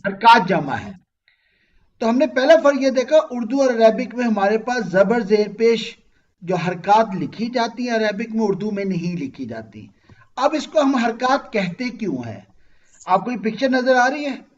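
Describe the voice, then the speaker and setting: A man's voice: very high voice, expressive, moderate pace, dull audio. A man, teaching Arabic grammar in an online class and patiently quizzing his students. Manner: patient, asks students questions and checks understanding.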